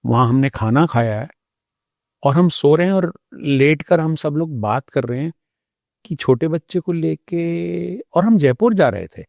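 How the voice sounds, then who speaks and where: A man with a warm, mellow voice tells his own story as an interview guest. He pauses often and sounds reflective. The recording is dry and close, with no room sound. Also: a little high, expressive, vocal fry, dry recording. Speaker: doctor.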